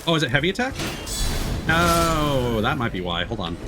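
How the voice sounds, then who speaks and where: A male video game livestreamer with a mid-range, very animated voice talks at normal speed, giving casual gameplay commentary and thinking aloud in a rambling, hesitant way while game music plays behind him.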